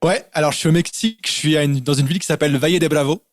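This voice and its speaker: A man's voice: a little high, rapid-fire, no room sound, clean studio sound. A man from France, a guest in a casual interview, explaining things in lists with lots of fillers. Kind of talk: casual interview over a call.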